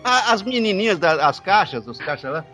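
A man's voice: sits high, very animated, normal speed, bright, forceful tone, soft background music. A man, a voice actor, telling stories in casual chat with lots of laughter and stammered repeats. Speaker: voice actor guest.

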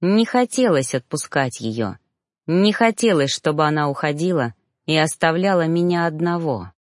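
A woman reading a fantasy novel aloud in a steady, expressive first-person narration. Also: low-pitched, moderate pace, no room sound, studio quality. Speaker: audiobook reader.

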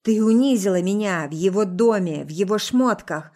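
A woman reading an audiobook, voicing an angry, cruel, controlling husband who shouts and hisses his words. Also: mid-range voice, expressive, measured pace, lightly acted. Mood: shouting. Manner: shouting, hissing through clenched teeth.

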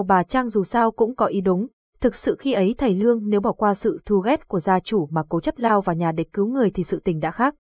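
A woman narrating a ghost story as an audiobook reader, telling it in a steady, even way. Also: medium pitch, slightly rough, dry recording.

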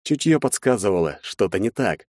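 Low-voiced male audiobook narrator. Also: sing-song, moderate pace, darkish tone, dry recording, studio quality. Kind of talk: first-person audiobook narration.

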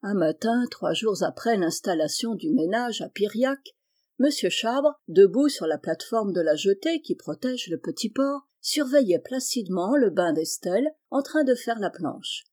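A woman narrates a classic literary tale in an audiobook reading. Her delivery is calm, measured and even. The voice sits in a middle register with a mellow, dark warmth. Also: medium pitch. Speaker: reader.

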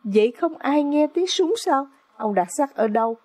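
A woman's voice: high voice, lively intonation, moderate pace, darkish tone, dry recording. Woman narrating a suspenseful audiobook. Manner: dramatic, suspenseful storytelling.

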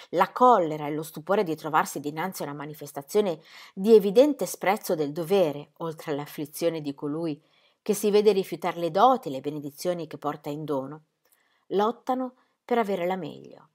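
Woman, audiobook narrator, expressive reading, lively pitch, unhurried. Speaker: audiobook reader.

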